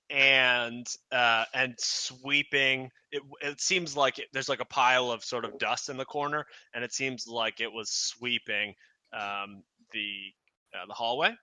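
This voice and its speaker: A man runs a tabletop game as game master, his voice very bright and close in a dry space. He narrates hesitantly, stopping and restarting with many fillers. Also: mid-range voice, fairly even intonation, a little slow, no room sound.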